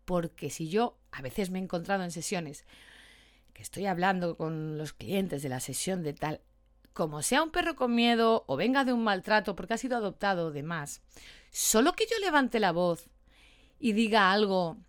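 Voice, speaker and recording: A woman's voice: fairly low pitch, moderate pace. Chatty woman host, dog trainer explaining things casually. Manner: chatty, animated, calls herself talkative. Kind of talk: casual podcast talk.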